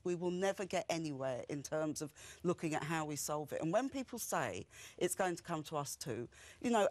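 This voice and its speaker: A woman's voice: low voice, dry recording. A woman arguing insistently as a guest in a televised political debate, repeating points for emphasis. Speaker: anti-war debate guest.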